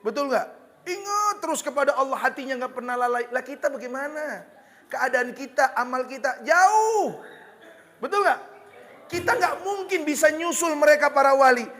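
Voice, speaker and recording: A man with a Betawi accent preaching a lively, joking sermon, slipping into Betawi slang. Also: very high voice, normal speed, in a large hall. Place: hall with religious gathering.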